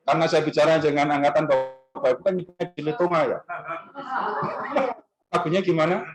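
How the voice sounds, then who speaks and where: A man's voice: fairly high pitch, brisk, over a noisy crowd, rough recording. A man giving an Easter talk to a church group in a restaurant function room. He keeps it conversational and often asks the audience questions. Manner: animated, rising emphasis on key words. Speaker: speaker at a parish gathering.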